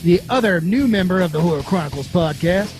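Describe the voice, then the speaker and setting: Podcast host, high-pitched man, hesitant filler-heavy delivery, faint music bed. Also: animated, darkish tone. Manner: halting, many fillers. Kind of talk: casual podcast chat.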